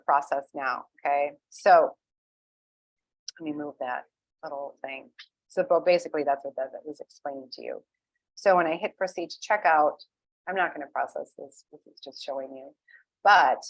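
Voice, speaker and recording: A woman with a low voice talks through an online ordering tutorial in a chatty, conversational way. She fills her sentences with "um" and keeps checking in with the listener. The sound is dry and close, with no room echo. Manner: chatty, filler-heavy, checks in with "okay?". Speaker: essential oil wellness advocate. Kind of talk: screen-share tutorial walkthrough.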